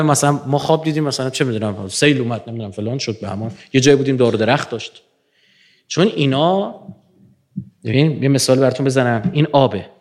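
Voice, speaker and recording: A man giving a lecture to an audience, animated, swinging from low murmurs to emphatic rising peaks.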